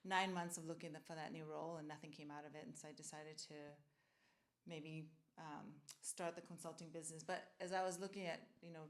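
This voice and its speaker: A middle-aged woman from Tonga, a brand founder talking casually in an interview, unhurried with fillers. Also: low voice, fairly even intonation.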